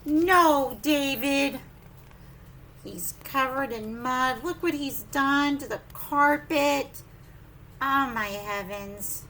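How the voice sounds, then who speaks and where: In a high voice and at an unhurried pace, a woman teacher gives young children an animated story time, sing-song and full of exclamations and questions for them. A faint hiss or hum runs underneath.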